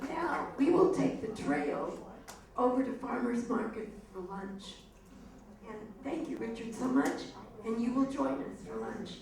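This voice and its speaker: A woman's voice: fairly high pitch, expressive, unhurried. Woman announcing over a crowd. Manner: announcing, thanking the speaker. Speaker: event organizer. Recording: echoey hall from far off, crowd.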